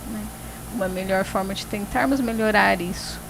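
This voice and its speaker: Hosting a faith talk show, a woman speaks reflectively and fills pauses by tagging phrases with "né". Her medium-pitched voice is creaky and plays over music, and the audio quality is poor.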